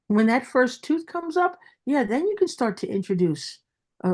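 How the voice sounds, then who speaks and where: A woman's voice: mid-range voice, darkish tone. A woman with a Brooklyn accent speaking as a dentist guest in an interview, emphatic and repeating phrases for stress.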